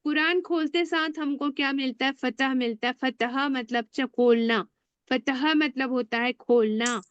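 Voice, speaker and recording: A woman teaching a beginner Arabic class online, drilling words slowly and asking the class to repeat after her. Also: sits high, clean tone, no echo, highs cut off.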